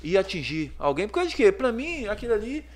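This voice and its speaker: Animated Brazilian man telling a story. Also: high voice, quick pace. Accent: Brazilian Portuguese. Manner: lively storyteller, acts out voices and sounds. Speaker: clothing store owner, guest. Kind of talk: casual storytelling in a podcast interview.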